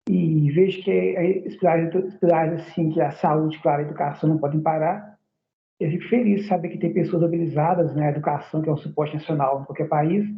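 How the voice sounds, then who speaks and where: A man's voice: on the high side, creaky. A man from Belo Horizonte introducing himself politely and hesitantly as a new master's student on a video call. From Belo Horizonte, Brazil. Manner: polite, hesitant, many fillers. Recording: tinny, echoey call line.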